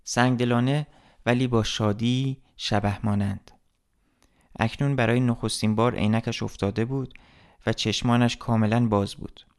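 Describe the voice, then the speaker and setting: A man narrating a literary story as an audiobook, reading in a steady, measured way. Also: mid-range voice.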